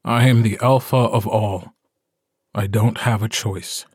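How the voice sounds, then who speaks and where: A male audiobook narrator playing a tired, stubborn grown man who leads a werewolf pack. He speaks in a grave, measured way. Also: on the low side, steady tone, slightly rough, no room sound, studio quality.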